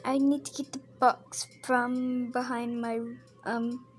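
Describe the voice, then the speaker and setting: A woman with a high voice plays through a casual game role-play as a mother. She talks slowly and chats along, stopping now and then to narrate what her character does, with a faint hiss of background noise. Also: flat delivery.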